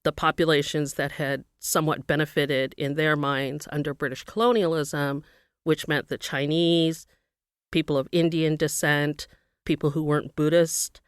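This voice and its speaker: A woman's voice: low voice, steady tone, clear, resonant tone, no echo, clean studio sound. A middle-aged woman from Burma, raised in California, speaking as an interview guest, thoughtfully explaining her background and work. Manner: thoughtful, explanatory, with occasional pauses. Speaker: guest, professor. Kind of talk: interview, personal account.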